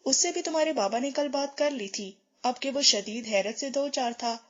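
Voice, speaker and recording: A woman narrating a novel as an audiobook, reading every character's lines in a steady storytelling manner. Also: high-pitched. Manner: steady storytelling, shifts tone for dialogue. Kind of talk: scripted novel reading, voicing all characters. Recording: dull lo-fi recording.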